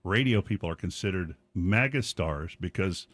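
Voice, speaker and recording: A man hosting a radio morning show, chatting casually and telling rambling, animated stories in the studio. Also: sits low, normal speed, no room sound.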